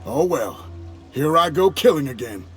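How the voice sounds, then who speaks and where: An actor playing a breezy, smug contract killer in a video game, glib and condescending. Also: male voice, fairly high pitch, sing-song, moderate pace, fairly bright tone, soft background music. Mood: smug menace.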